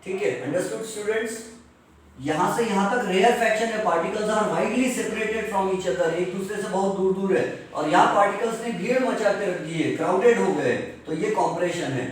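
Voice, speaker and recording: Guy teaching science class, high voice, far from the mic, super echoey room. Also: a little hiss or hum. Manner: explains step by step, slowly dictates definitions. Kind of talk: classroom lecture mixing Hindi and English.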